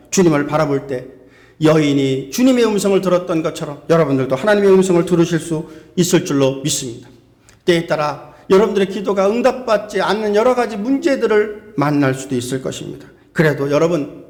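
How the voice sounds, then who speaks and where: A man preaching a sermon in a fairly high voice, pressing his points with emphasis. He keeps turning to the congregation with rhetorical questions. The sound carries the long reverb of a church sanctuary. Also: a little mellow. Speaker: pastor.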